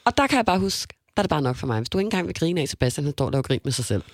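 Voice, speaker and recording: A young man chatting casually on a podcast, telling a story with lively acted-out quotes. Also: a little high, slight background noise. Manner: animated, acts out quoted voices.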